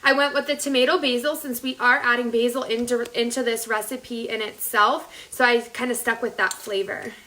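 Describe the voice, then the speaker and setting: A woman's voice: on the high side, steady tone, moderate pace, hardly any pauses, bright, forceful tone. A woman in her thirties with a North Dakota accent, hosting a casual cooking livestream and chatting informally straight to viewers. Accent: North Dakota, upper Midwestern American. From Las Vegas, United States. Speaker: host of a live cooking show. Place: home kitchen, indoors. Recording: echoey room, clearly noisy with clicks.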